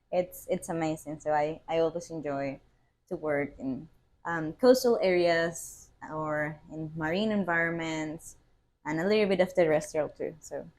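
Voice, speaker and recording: Earnest young woman, fairly low voice. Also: a little mellow. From Venezuela. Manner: earnest, laughs often, searches for words. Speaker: podcast guest, PhD student. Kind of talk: casual interview chat.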